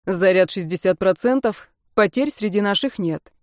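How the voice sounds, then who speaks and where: A woman's voice: medium pitch, expressive, moderate pace, no room sound, studio quality, lightly acted. Woman doing a brash, teasing starship captain.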